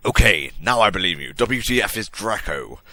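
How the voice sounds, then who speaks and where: A man's voice: lowish voice, sing-song, moderate pace, gravelly, pushed and bright, dry recording, exaggerated voice. A man voicing an angry, foul-mouthed gothic teenage girl in a hammy, over-emphatic story reading. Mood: defiant.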